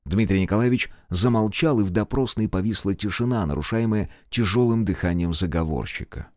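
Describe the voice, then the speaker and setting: A man narrating an audiobook in an expressive storytelling manner. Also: on the low side, a little fast, no room sound, clean studio sound.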